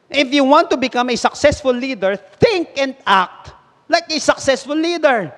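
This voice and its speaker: A man's voice: very high voice, expressive, unhurried, a bit bright. A Filipino man preaching a sermon as bishop, switching between Tagalog and English and acting out the voices in a story. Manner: mixes Tagalog and English, acts out an echo story.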